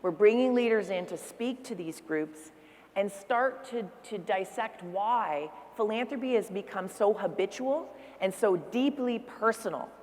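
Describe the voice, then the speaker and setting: Earnest woman speaking in a hall. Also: medium pitch. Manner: earnest, persuasive. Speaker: conference speaker on philanthropy. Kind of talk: conference talk. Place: lecture hall. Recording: reverberant hall.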